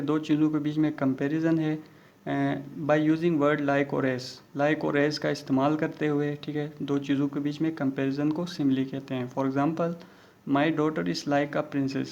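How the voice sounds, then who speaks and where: A male teacher explaining a lesson. He mixes English terms into Hindi-Urdu, keeps checking in with "okay," and reads English example sentences slowly. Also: a little high, a little mellow. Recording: dull lo-fi recording.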